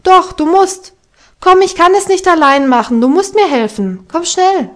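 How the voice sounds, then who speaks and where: A woman reading an audiobook voices a lively, strong-willed little Alpine girl, eager and commanding. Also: sits high, moderate pace. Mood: insistent.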